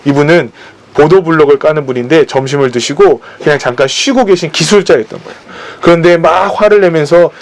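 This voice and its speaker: A pastor with a slightly high, fairly quick voice preaches at a church service. He tells personal stories and acts out the voices of the people in them.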